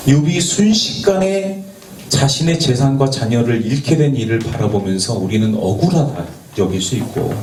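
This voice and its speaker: In an animated, mid-range, slightly mellow voice at a moderate pace, this youth pastor preaches earnestly, tossing rhetorical questions at the young listeners. When he stumbles over a word, he jokes about it. The church recording is echoey and distant, with faint background noise.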